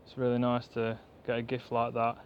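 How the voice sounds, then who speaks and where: A man chatting fast and rambling to the camera in a pine woodland, like a bushcraft vlogger. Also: medium pitch, completely flat delivery, slight background noise. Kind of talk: casual rambling chat to camera. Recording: dull lo-fi outdoor recording, faint woodland ambience.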